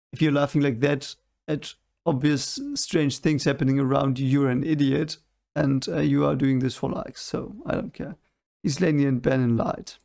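Young man with a gravelly, skeptical voice. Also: medium pitch, darkish tone. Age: young adult. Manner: skeptical, dismissive, searches for words. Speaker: reaction video host. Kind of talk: casual reaction commentary. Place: home room at a desk. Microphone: desk microphone in front of him.

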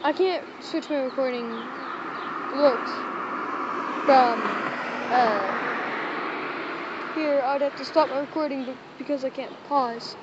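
A young man with a high voice rambles defensively in casual chat while walking outdoors. The phone recording is muffled, and loud traffic noise sits behind him. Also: steady tone, slow pace, long pauses. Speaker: vlogger. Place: outdoors on a city street.

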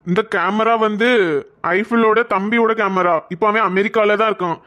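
A performer voicing a friendly older brother figure in a cartoon, giving advice and asking a favour in a mid-pitched voice. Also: fairly even intonation, moderate pace, bright, forceful tone, dull audio, natural voice. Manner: friendly, advising. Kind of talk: animated cartoon dialogue.

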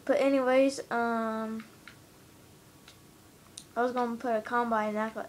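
Her voice sits fairly high, with a little hiss or hum underneath. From her room at home, she points a handheld camera at the TV and rambles casually through a tour of her game build, hesitating often with plenty of "um"s and "uh"s.

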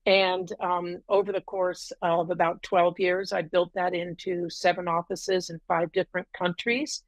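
This casual video-call interview features a middle-aged woman at home before a green wall, telling her long story with plenty of ums and uhs. She speaks a little slowly in a fairly low, level voice. The recording is dry and low quality.

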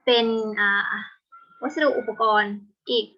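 A young woman teaching an English vocabulary lesson, explaining patiently step by step and slowing down on each English word. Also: on the high side, steady tone. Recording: dull lo-fi home recording.

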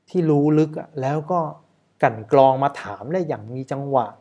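A man's voice: mid-range voice, mellow. A man, a wedding photographer, casually talking over footage in a chatty way, often asking rhetorical questions.

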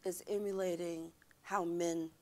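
A woman's voice: on the low side, measured pace. A woman in her sixties, a guest speaker in a church studio interview, talking emphatically and gesturing, on a lapel mic. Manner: emphatic, animated storytelling with hand gestures. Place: church TV studio set, seated on stage.

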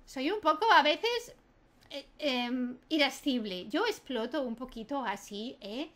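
A woman voicing a short-tempered, reclusive woman in a life-sim game, apologizing in a halting, reluctant way. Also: high voice, animated, a bit bright. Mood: grudging.

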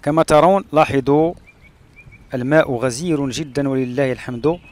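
A man from Morocco narrating his travels along a rural road and through a palm oasis, pausing often with "uh" fillers. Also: mid-range voice, darkish tone, slight background noise. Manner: hesitant, with frequent "uh" fillers and pauses. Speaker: travel vlogger.

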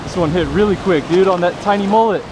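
A young man filming a fishing vlog on a beach, talking to viewers in a joking, excitable way. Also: sits high, fast. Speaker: fishing vlogger. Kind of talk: casual excited vlog commentary. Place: beach by the surf, outdoors. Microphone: action camera. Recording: wind and surf noise.

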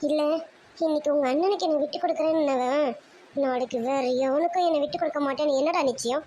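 A woman's voice: high-pitched, fast talker, warm tone, slight background noise, lightly acted. A woman voicing a hurt young woman in a cartoon drama, accusing and reproachful. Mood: angry. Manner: reproachful, angry questioning.

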